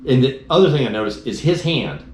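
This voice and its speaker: A man's voice: medium pitch, brisk. A man casually recounting his motorcycle crash and trip home, acting out the voices of the people in his story. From Dallas-Fort Worth area, Texas. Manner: animated storyteller, acts out quoted dialogue. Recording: roomy echoey room, faint noise.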